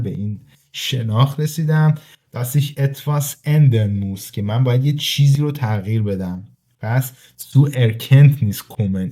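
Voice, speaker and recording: A man teaching a language grammar lesson, reading example sentences slowly and then explaining them quickly to his students in a casual way. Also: lowish voice, dark tone. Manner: addresses listeners informally as "kids". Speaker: German teacher.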